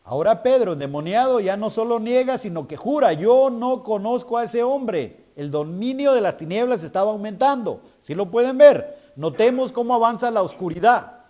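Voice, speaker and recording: A man's voice: high-pitched, animated, fairly quick, hardly any pauses, darkish tone. A male guest preacher delivering a sermon, calling for responses from the congregation and building to emphatic preaching.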